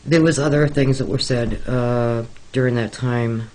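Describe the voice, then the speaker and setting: A man in an interview, telling his own story slowly and haltingly. He fills the gaps with frequent ums and uhs, and speaks in an earnest, confiding way at an unhurried, dragging pace in a mid-range voice. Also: mid-range voice, fairly even intonation, a little mellow, rough recording. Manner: hesitant, many pauses and fillers. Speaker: interviewee recounting experiences. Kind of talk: slow, halting personal account.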